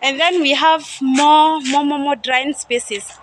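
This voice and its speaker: A young woman with a high voice walks through a coffee farm chatting casually, thinking aloud and often sounding unsure. She's a vlogger touring the farm and factory outdoors, speaking slowly and steadily into a phone camera she holds herself, with slight background noise.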